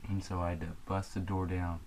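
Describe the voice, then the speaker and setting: A man telling the story of a frightening night in his house, halting and full of fillers. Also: low voice, little pitch movement, darkish tone, a little hiss or hum. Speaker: homeowner recounting a ghost experience. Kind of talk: casual storytelling.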